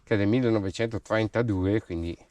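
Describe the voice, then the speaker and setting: A man's voice: on the low side, a little fast, mellow, no echo. A man with a Venetian Italian accent giving casual, colloquial commentary as he guides viewers around an outdoor site, with regional dialect expressions. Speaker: urban explorer vlogger and guide. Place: outdoors in windy hills and abandoned ruins.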